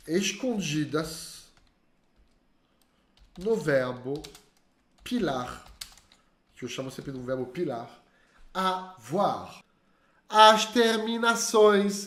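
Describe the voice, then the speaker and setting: A man teaching online, lively and drilling learners to repeat slowly after him. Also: high voice. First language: French. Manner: spells out sounds slowly and carefully. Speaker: French teacher. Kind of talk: online language lesson. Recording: echoey room.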